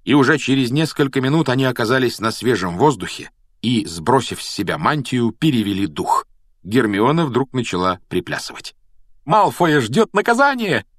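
A man narrating a children's storybook in a measured, expressive reading voice. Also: medium pitch, no echo, clean studio sound. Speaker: audiobook reader.

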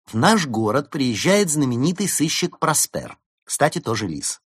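Male narrator doing a mocking storybook vixen, high and lively. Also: a little slow, husky, no room sound, studio quality, full character voice. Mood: reporting. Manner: mocking, teasing. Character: bossy quick-tongued young vixen. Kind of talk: storybook reading.

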